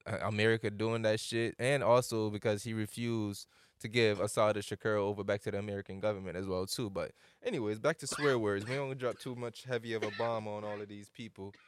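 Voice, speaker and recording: A man's voice: fairly low pitch, flat delivery, a little fast, smooth. A man in his late twenties, hosting a loose, rambling casual chat with plenty of slang. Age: late 20s.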